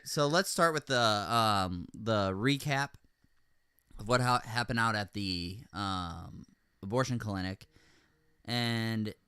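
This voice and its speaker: Bright-voiced chatty man hosting. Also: mid-range voice, clean tone, no echo. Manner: chatty, laughs often, with many fillers. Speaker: host. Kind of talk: casual chat. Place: room at home with window open.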